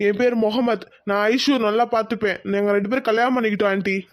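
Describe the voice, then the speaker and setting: A woman's voice: medium pitch, steady tone, fast talker, pitched below the performer's own voice, natural voice. A woman voicing an earnest, polite young husband in a cartoon.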